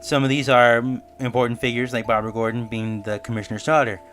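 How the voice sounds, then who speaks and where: Over background music, a man who reviews and theorizes online talks fast in a level, slightly bright mid-range voice. His commentary explains and muses in the manner of a semi-scripted video essay review.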